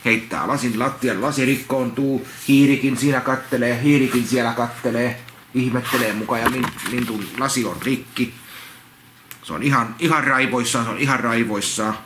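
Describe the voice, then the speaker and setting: A man reading a children's picture book aloud, rambling into repetitive, halting asides and restarts. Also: mid-range voice, fairly even intonation. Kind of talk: casual read-along with rambling commentary. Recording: roomy echo, faint background noise.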